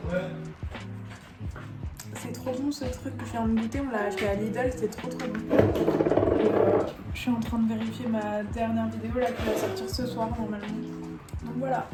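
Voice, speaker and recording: A young woman chatting casually at home in a vlog, upbeat and full of fillers. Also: fairly high pitch. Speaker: vlogger. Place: home rooms, indoors. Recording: loud background music.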